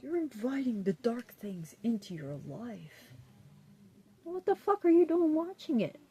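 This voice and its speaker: Slow-talking, blunt Appalachian woman. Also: on the high side, sing-song, dark tone, a little hiss or hum. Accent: Appalachian, West Virginia. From West Virginia, US. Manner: blunt, defiant, heavy swearing. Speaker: vlogger. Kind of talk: casual, rambling chat to viewers.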